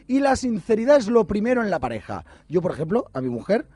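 A man's voice: high-pitched, big pitch swings, fast, warm tone, slightly rough, dry recording. A man co-hosting a comedy radio show, playful and mock-earnest.

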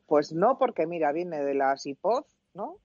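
A man's voice: a little high, very animated, a little slow, darkish tone, slightly rough, dry recording, muffled recording. A man from Spain co-hosting a podcast, bantering playfully and spelling words out in a mock-pedantic way. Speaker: podcast co-host. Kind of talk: casual banter.

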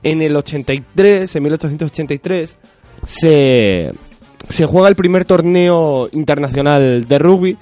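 A man's voice: on the high side, lively intonation, moderate pace, dark tone, dry recording, faint music behind. A man, a guest on a radio show, rattling off dates and scores and joking loosely as he goes. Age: 20s. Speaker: guest, rugby fan. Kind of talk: casual radio interview.

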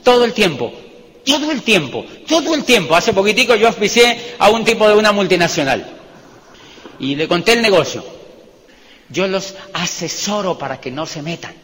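A man with a Colombian accent giving a motivational business talk, telling stories with animated repetition and self-mocking jokes. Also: high voice, moderate pace. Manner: animated, repeats phrases for emphasis, jokes about himself. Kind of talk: storytelling talk to a live audience. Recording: reverberant hall with faint background noise.

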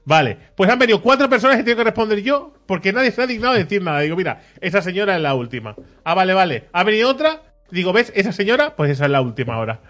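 Young guy, bit high voice, chatty storytelling, faint music under. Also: rapid-fire, few pauses. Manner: animated storyteller, mimics voices of people in the queue. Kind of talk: casual chat, anecdote telling.

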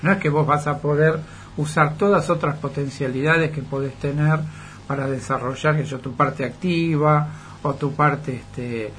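Guest psychologist: Rioplatense man, slightly raised pitch, thoughtful explainer, faint hiss behind. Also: fairly even intonation, a little slow, fairly bright tone. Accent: Rioplatense Spanish. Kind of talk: radio interview.

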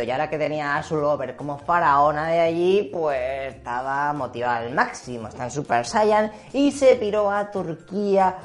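A Spanish woman from Spain telling history in a playful, slangy comic style, dropping in English catchphrases. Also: low-pitched. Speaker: history vlogger.

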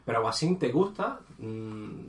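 A man with a mid-range voice co-hosts a podcast, chatting casually about video games in an echoey room. He talks a little slowly but very animatedly, rambling and hesitant with lots of fillers.

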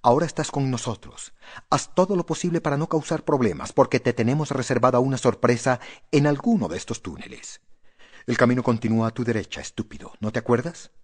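A man voicing unseen demon captors in an audiobook, speaking in a deep, languid and bored mocking tone. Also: lively intonation, a little fast, a little mellow, breathy edge.

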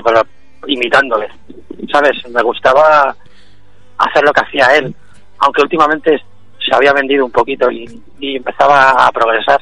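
A man, a guest on a comic radio show, talking in halting, repeated phrases and laughing through a mock lament. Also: mid-range voice, bright, forceful tone, no room sound, poor audio. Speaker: phone-in guest.

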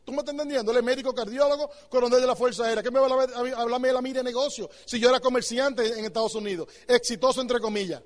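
A man gives an emphatic motivational talk in a very high voice. He talks fast and keeps throwing rhetorical questions at the listener. His voice carries a long reverb from a large hall. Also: steady tone. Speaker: motivational speaker.

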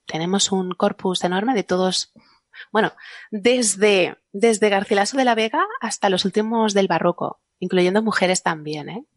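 A woman's voice: mid-range voice, measured pace, dry recording. A woman guest on a science podcast panel, explaining her research casually, laughing often and restarting her sentences.

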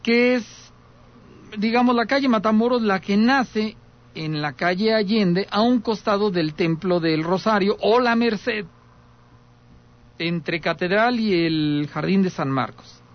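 Guy on the radio spinning a spooky tale, kinda high voice, dull lo-fi sound. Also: slow pace. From Aguascalientes, Mexico. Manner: dramatic storyteller, repeats key points, speaks to listeners directly. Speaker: radio host taking calls. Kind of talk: telling a paranormal story on radio.

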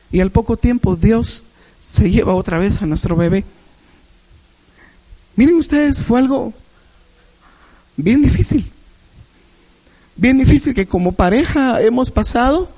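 A man's voice: extremely high pitch, poor audio. A man preaching a Sunday sermon in a church, sharing a personal testimony with emphatic repetition.

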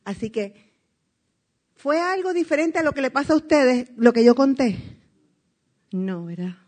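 A woman's voice: high-pitched, unhurried. A middle-aged woman with a Puerto Rican accent, giving a motivational testimony talk as a network marketing speaker, acting out dialogue and laughing often. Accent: Puerto Rican Spanish. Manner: lively storyteller, acts out dialogue, laughs often.

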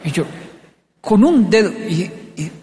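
A man with a fairly high voice speaks to an audience in a big, reverberant hall. He tells stories with lively energy and slips into playful voices for the people in his anecdotes. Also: measured pace, a little hiss or hum. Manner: animated storyteller, acts out dialogue with playful voices. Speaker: speaker on leadership. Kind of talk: live motivational talk.

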